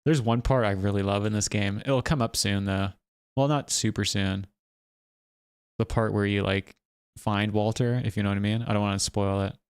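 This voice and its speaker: A man's voice: fairly low pitch, steady tone, normal speed, clear, resonant tone, dry recording. A man streaming a horror game live, giving casual, rambling commentary full of fillers and chuckles.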